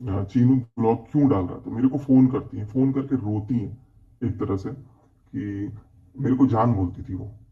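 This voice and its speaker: A man's voice: fairly low pitch, moderate pace. A man in a live stream vlog, explaining events at length while reading out chat messages, with frequent restarts. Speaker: vlogger. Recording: distant, dull lo-fi sound.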